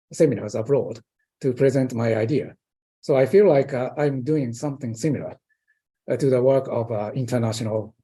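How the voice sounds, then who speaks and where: A man's voice: mid-range voice, mellow. Hesitant Japanese-accented older man. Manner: hesitant, many fillers and restarts. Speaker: interviewed professor. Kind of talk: conversational interview.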